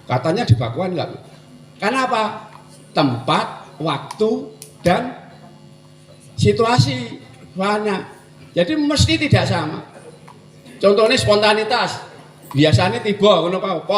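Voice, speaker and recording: Animated older man in an echoey room. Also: on the high side. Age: 60s. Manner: animated, slips into Javanese phrases. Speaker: dancer. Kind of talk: casual conversation.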